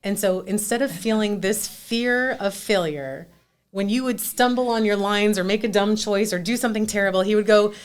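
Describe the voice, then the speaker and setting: A woman in her forties, a restaurant owner guesting on a podcast, talking in an animated, candid, self-deprecating way with frequent restarts. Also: medium pitch, normal speed. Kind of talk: conversational interview.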